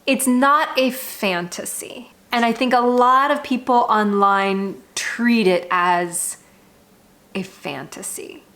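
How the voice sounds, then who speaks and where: Speaking at a slow pace, this American woman has a voice on the high side with a bit of brightness. As a travel vlogger, she offers a candid, conversational monologue to her viewers, frank and emphatic throughout.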